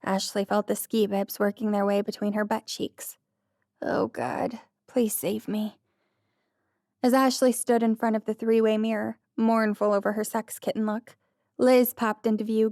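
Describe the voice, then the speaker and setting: A woman reading a light-hearted romance audiobook, in an even storytelling manner, close to the mic. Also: on the high side, no echo. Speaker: audiobook narrator. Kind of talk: scripted narration.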